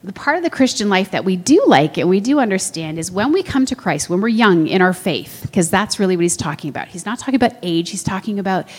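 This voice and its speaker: A woman's voice: expressive, fast talker, hardly any pauses. A woman preaching a sermon in a conversational way, asking the room questions and acting out quoted voices. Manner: acts out quoted voices with big pitch jumps. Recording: long hall reverb.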